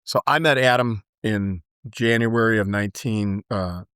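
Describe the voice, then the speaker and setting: A man's voice: on the low side, a little slow, smooth, no room sound, studio quality. A middle-aged man, a podcast guest, reflecting and telling stories in an earnest, conversational way. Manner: reflective storyteller, warm and earnest. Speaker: guest, business owner and author. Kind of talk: casual chat.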